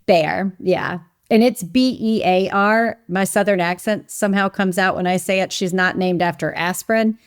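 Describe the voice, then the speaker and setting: A woman's voice: medium pitch, normal speed, few pauses, clean tone, no echo, clean studio sound. A woman guest on an interview podcast, an executive chatting in an easygoing, good-humored way. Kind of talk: casual interview chat.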